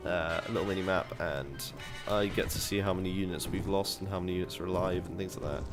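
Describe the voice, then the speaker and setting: A man's voice: sits low, fairly even intonation, fast talker, over music. A young man giving casual, chatty commentary while playing a game, thinking aloud and swearing casually. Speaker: gaming video host.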